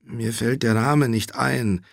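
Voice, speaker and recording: A man voicing a sedated sick man in a hospital bed who mumbles slowly and drifts off. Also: medium pitch, steady tone, creaky, dry recording, clean studio sound, voice pushed up. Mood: drowsy.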